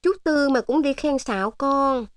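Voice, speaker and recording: A woman's voice: sits high, a little slow, no room sound, voice pushed up. A woman voicing a sweet, wheedling young female guerrilla guide in a storybook. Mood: bashful. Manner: wheedling, pleading.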